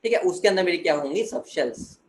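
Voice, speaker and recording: A man's voice: high voice, animated, fast, a little hiss or hum. A man teaching a chemistry class, who keeps saying "theek hai" and asks questions that he then answers himself. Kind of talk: classroom lecture. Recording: echoey room.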